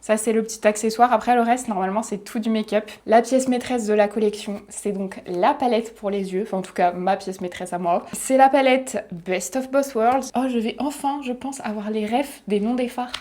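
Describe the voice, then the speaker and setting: A young woman, chatting excitedly as she unboxes and swatches makeup for her vlog. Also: on the high side, moderate pace, hardly any pauses. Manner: excited, chatty, giggly asides. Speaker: beauty vlogger.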